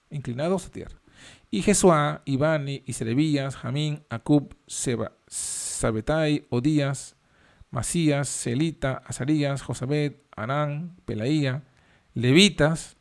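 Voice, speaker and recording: Man teaching a Bible study. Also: on the high side. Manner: reads verses aloud, then explains with frequent fillers.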